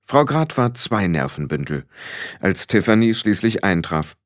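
Lively male audiobook narrator. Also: on the low side, unhurried, no room sound, studio quality.

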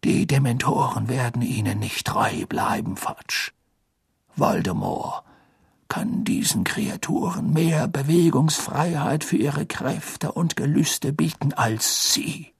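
A wise old headmaster speaks with calm, commanding gravity. A man voices him with a rough, husky tone, close and dry. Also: medium pitch, takes it slowly, dry recording, exaggerated voice. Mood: grave. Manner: calm, grave, at times hushed.

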